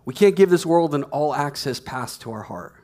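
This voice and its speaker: Pastor guy in his 30s preaching on a church stage, higher voice, punchy and repeats himself, headset mic. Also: animated, moderate pace, dark tone. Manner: emphatic, repeats key phrases, walks the stage gesturing. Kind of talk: sermon.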